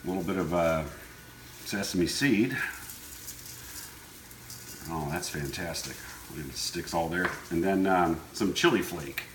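Deep voiced guy doing a chill cooking demo, kinda offhand, roomy kitchen w sizzling noise behind him. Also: slow, long pauses, fairly bright tone. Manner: laid-back, easygoing, offhand. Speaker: home cooking show host. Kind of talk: casual cooking demonstration, talking while working. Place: indoor kitchen. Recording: echoey room with clear kitchen sizzle noise. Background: frying sizzle and stirring.

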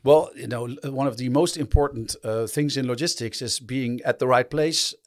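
A man's voice: medium pitch, normal speed. A man hosting a podcast, asking questions in a friendly, hesitant way with many fillers. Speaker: podcast host. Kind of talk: podcast interview.

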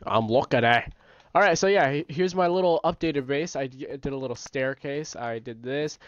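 A man with a stuffy nose giving casual, rambling gameplay commentary as the host of his own gaming channel, often correcting himself and getting excited. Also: a little high, moderate pace. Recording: dry, slightly dull home recording.

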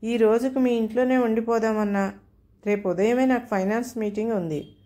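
A woman's voice: a little high, fairly even intonation, moderate pace, warm tone, close to an everyday voice. Woman reading as a pushy freeloader in an audio story; overfamiliar, wheedling tone. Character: pushy, freeloading middle-aged man on the phone.

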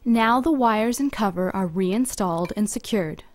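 A woman reading a scripted instructional voice-over in an even, measured, step-by-step manner, recorded apart from the pictured workshop. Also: mid-range voice, dry recording. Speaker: company video narrator.

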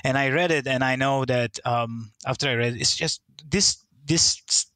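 A man's voice: medium pitch, moderate pace, pushed and bright, dry recording. Hesitant man from Turkey. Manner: hesitant, many fillers and restarts, laughs easily. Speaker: guest, listener. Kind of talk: casual interview over a call.

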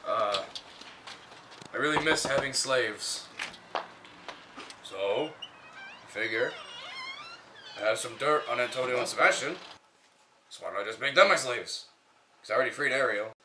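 A man's voice: mid-range voice, expressive, measured pace, long pauses, natural voice. Casting: male actor as offhand comic schemer, everyday delivery, off-mic, noisy room. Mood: casual scheming. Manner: casual, hesitant, matter-of-fact. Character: Prospero, deadpan scheming former master, casually blackmailing. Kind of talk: improvised comic mockumentary. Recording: distant, echoey mic with noisy ambience.

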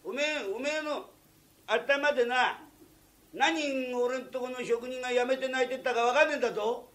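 A man in his forties playing a rowdy drunken male craftsman who yells and picks fights, in rough downtown Tokyo slang on a live storytelling stage. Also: very high voice, moderate pace, voice pushed up. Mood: ranting.

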